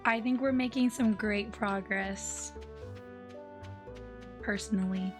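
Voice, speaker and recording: A hoarse young woman livestreaming, telling a story in a chatty, laid-back way with lots of "like". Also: medium pitch, fairly even intonation, slow pace. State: hoarse, losing her voice. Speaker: streamer. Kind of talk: casual livestream chat. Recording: faint music in the background.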